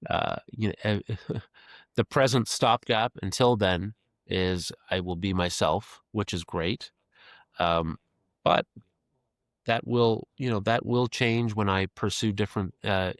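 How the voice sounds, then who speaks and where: Earnest fifty-year-old man, low dry voice. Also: dry recording. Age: 50s. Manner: earnest, reflective, repeats phrases while thinking. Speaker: podcast guest, creative executive. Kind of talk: casual reflective interview talk.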